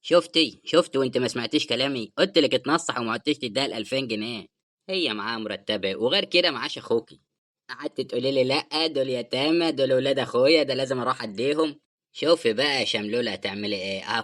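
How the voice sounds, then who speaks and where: A man voicing a blunt, impatient husband in an animated drama, speaking Egyptian Arabic and lecturing his wife about money. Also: medium pitch, very fast, close to an everyday voice. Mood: scolding.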